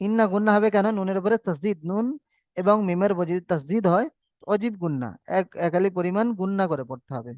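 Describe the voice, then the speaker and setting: A man's voice: high voice, fast, darkish tone, no echo, muffled recording. A man teaching Quran reading in a recorded online lesson, patiently drilling rules over and over and drawing out his recited examples.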